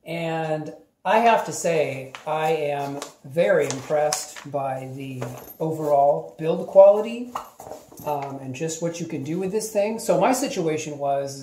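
Man, casual product review, rambling, mellow, echoey room. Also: fairly high pitch, a little hiss or hum. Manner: conversational, rambling with fillers. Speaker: YouTube DIY reviewer. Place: indoors at a wooden table.

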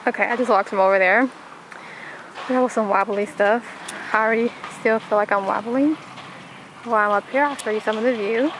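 A young woman talks to her camera as she walks, casual and chatty, filling her sentences with "like" and "um". Her voice sits a little high. The camera audio carries clear outdoor noise. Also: a little fast, long pauses. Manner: chatty, lots of "like" and "um". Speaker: travel vlogger. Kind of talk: casual travel vlog. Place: outdoors in gardens and in a car.

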